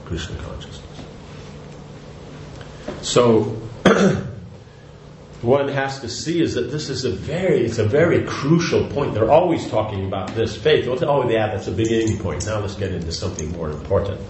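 This is a devotional lecture by an older male spiritual teacher whose expressive voice sits on the low side with a darkish tone, moving at normal speed. He rambles conversationally, restarting often, adding asides, and saying "you know" a lot. Faint noise and echo fill the room.

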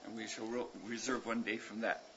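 A man's voice: fairly low pitch, little pitch movement. Man leading a class, muffled and noisy. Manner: measured, with frequent pauses and fillers. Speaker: class leader. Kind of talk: classroom announcements. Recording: muffled recording with background noise.

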